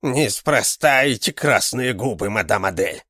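A man voicing an old male village fortune-teller who is sly and ominous, with excited exclamations and drawn-out words. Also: lowish voice, dry recording, clean studio sound, exaggerated voice.

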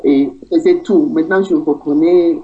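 A woman's voice: low voice, steady tone, a little fast, dark tone, highs cut off. A woman with a Cameroonian French accent, telling her personal story in a rambling way and acting out the dialogue she quotes. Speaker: guest. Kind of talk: personal testimony in conversation.

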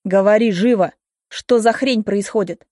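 A woman's voice: medium pitch, a little slow, warm tone, no room sound, studio quality, natural voice. A woman voicing an enraged husband who harshly demands answers. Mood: angry.

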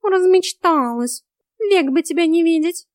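A woman's voice: extremely high pitch, lively intonation, unhurried, darkish tone, no echo, studio quality, pitched above the performer's own voice. A woman voicing a grumpy, rude male house cat who scolds and carries on theatrically in a storybook. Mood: scornful.

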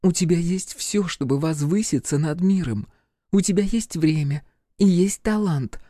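Scornful young girl, done by a man, high for him, mocking, shouting, dark dry tone, audiobook. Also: unhurried, no room sound. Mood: lecturing. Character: fierce scornful young girl, bossy and contemptuous. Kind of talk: audiobook character voice.

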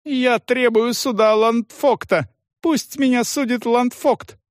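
A man voicing a furious male estate steward who shouts in frantic, shrill protest, in a dry close recording. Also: fairly even intonation, takes it slowly, dry recording. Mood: desperate.

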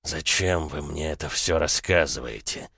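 A man voicing a wounded young male bandit, weak and half-whispering, with slow, halting words and pauses between them. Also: extremely low pitch, gravelly, sharp tone, husky, dry recording, studio quality, exaggerated voice. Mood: faint.

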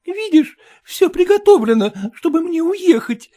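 A woman's voice: expressive, measured pace, mellow. A woman voicing a young tearful wife in a storybook reading, sobbing and accusing. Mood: tearful reproach. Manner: sobbing, accusing, high-strung. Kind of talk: audiobook reading.

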